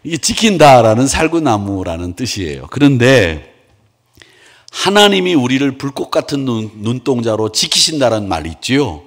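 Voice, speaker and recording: A man's voice: mid-range voice, very animated, moderate pace. A middle-aged man preaching a Wednesday church sermon in a conversational way, asking his congregation questions and having them repeat words after him. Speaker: pastor. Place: church sanctuary.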